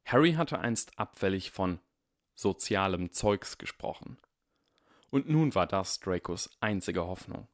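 A man giving a measured, expressive scripted narration of a story. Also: sits low, no room sound, studio quality. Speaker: audiobook narrator.

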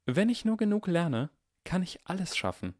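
A shrill, triumphant young girl general in a storybook reading, bossy and cheerful and proud of her win, as a male narrator puts her on. The voice sits high and bright, and the recording is dry and close. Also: very animated, normal speed, no room sound. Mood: earnest.

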